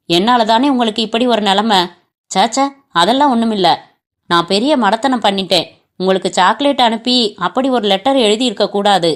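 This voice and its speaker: A woman's voice: on the high side, natural voice. A woman voicing an earnest, remorseful young man who speaks humbly, apologetically and politely in a storybook reading. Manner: apologetic, pleading, respectful.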